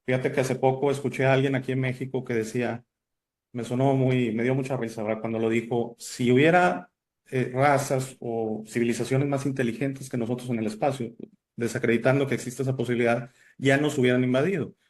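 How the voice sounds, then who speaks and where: A man's voice: medium pitch, fairly even intonation, brisk. A man from Italy, raised elsewhere, hosting an interview in a chatty way with many fillers and restarts. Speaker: host. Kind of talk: casual interview chat.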